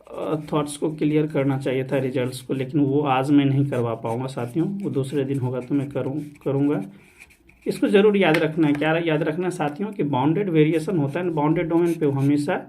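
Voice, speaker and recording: A man's voice: fairly high pitch, dark tone. A man teaching real analysis in an online lecture, mixing English terms into his Hindi and asking the students rhetorical questions. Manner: repeatedly addresses students as "saathiyon", mixing English math terms; asks rhetorical questions then answers them. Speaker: maths teacher. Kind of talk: online exam-prep lecture.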